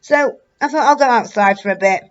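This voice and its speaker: Woman rambling at the camera, swears a lot, kinda high voice, muffled recording. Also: fairly quick. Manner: blunt and sweary, rambling with restarts. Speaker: vlogger. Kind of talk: casual storytelling to camera.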